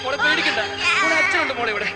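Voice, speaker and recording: A man's voice: very high-pitched, lively intonation, very fast. An actor playing a desperate young father who pleads and urgently repeats himself to soothe his trapped daughter. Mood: soothing. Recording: film soundtrack with loud music and crowd noise.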